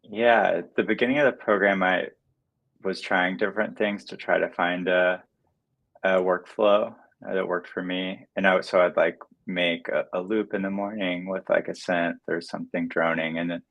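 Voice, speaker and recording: A man speaks as a musician guest in a livestream interview over a video call. His voice is very low. He talks softly and hesitantly, leaning on frequent fillers. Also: flat delivery, normal speed, dull audio. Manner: soft-spoken, hesitant with many fillers.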